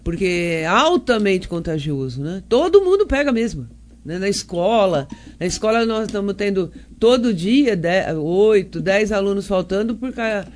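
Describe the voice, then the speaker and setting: An older woman with a Brazilian accent, a councilwoman guest on a radio interview, hoarse from a cold and chatting warmly with frequent tag questions. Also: mid-range voice, expressive, normal speed.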